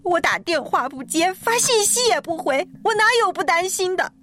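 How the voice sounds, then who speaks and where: A woman's voice: very high voice, moderate pace, voice pushed up. A woman voicing a hurt, defensive young woman who holds back tears and speaks with aggrieved insistence. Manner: aggrieved, pleading, then forced calm. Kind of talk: storybook character voice.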